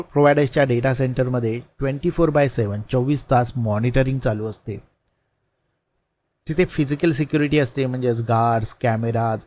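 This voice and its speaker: Steady man explaining cloud security. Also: mid-range voice, dull audio. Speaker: tech explainer. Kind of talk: scripted explainer narration.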